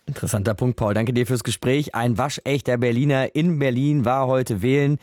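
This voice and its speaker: A man hosting a live radio show, interviewing a guest in a brisk, conversational way with probing follow-up questions. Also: medium pitch, warm tone, no echo, studio quality. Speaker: radio host. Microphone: studio microphone.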